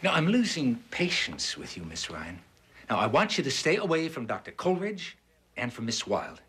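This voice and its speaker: A man's voice: medium pitch, very animated, normal speed, fairly bright tone. An actor playing a strict, cold male hospital doctor in a daytime soap, lecturing in a stern, clipped way. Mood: impatient. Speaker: actor in a TV drama.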